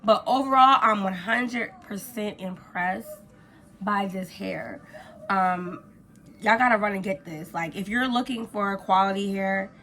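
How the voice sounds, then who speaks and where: A woman vlogger, hoarse from a cold, giving an informal, gushing product review to camera. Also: mid-range voice, a little slow, fairly bright tone. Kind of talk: casual chatty review to camera.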